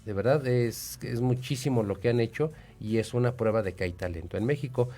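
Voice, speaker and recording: A man with a Mexican accent hosting an educational radio talk show, explaining in a measured way with hesitant fillers. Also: medium pitch, dark tone.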